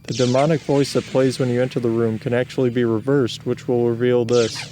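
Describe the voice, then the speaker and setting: A man reading scripted video game narration in a deadpan manner, with casual asides. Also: mid-range voice, a little fast, a little hiss or hum.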